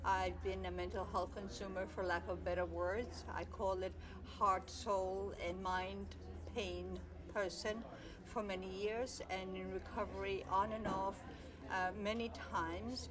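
An older woman from Croatia, a mental health advocate, speaking earnestly to camera in a studio with many pauses and fillers. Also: medium pitch, steady tone, crowd noise, low-quality recording. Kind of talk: speaking to camera in a filmed interview. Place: studio with blue backdrop.

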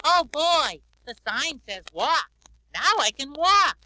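A man voicing a big, sweet, childlike yellow bird on a read-along record, innocent and wondering aloud. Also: very high-pitched, sing-song, slow pace, heavily acted, rough recording. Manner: innocent, wondering, talks to himself.

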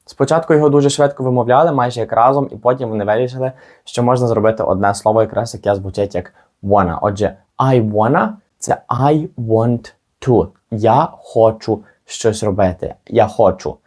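A man teaching a spoken language lesson, modelling practice phrases slowly and deliberately. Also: lowish voice, a little mellow. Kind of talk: scripted lesson narration.

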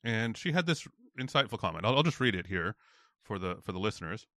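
An American podcast host with a General American accent chats casually in an interview, asking curious follow-up questions and reading a listener comment aloud. His voice sits on the low side, with a sing-song lilt, a sharp tone and a slightly fast pace. The recording is dry, with clean studio sound.

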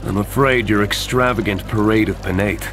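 A firm, fairly low-voiced detective from a video game acted by a man. He speaks seriously and plainly over loud music. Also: steady tone, normal speed, natural voice. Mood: stern. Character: firm, serious adult male police detective.

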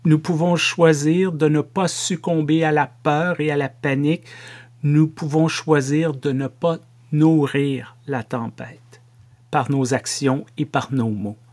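Speaking from a home office, this middle-aged Québécois-accented pastor delivers a sermon to camera at a slow, measured pace with playful asides. His pitch is a little high, his tone steady and somewhat dark.

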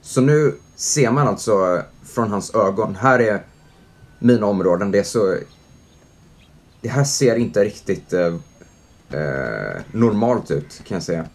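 A young man doing chatty let's-play commentary at home, reading out the game's prompts, joking with it and reacting loudly to scares. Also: lowish voice, sing-song. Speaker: gaming youtuber. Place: at home, indoors.

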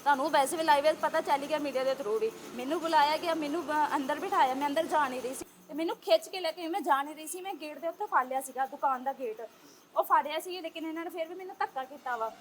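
Young punjabi woman, very high voice, heated and insistent, faint street noise behind. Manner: agitated, insistent, rapid rhetorical questions. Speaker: interviewee.

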